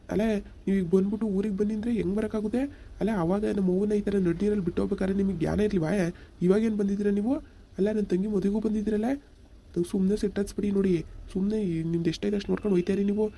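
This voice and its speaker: A man's voice: high voice, fairly even intonation, creaky, warm tone. A man playing a defiant young village son. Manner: quick, defiant, protective. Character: young village son fiercely loyal to his mother.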